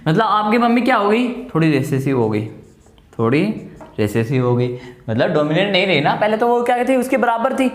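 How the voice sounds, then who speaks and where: A man's voice: high-pitched, big pitch swings, fairly quick. A male biology teacher giving an exam-prep lecture, asking his class questions and answering them himself, repeating key terms and using homely examples. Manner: explains with homely everyday examples in a coaxing tone. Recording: echoey room.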